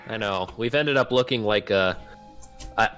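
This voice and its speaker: A man's voice: fairly low pitch, normal speed, a bit bright, soft background music. A man co-hosting a gaming show in casual let's-play chat.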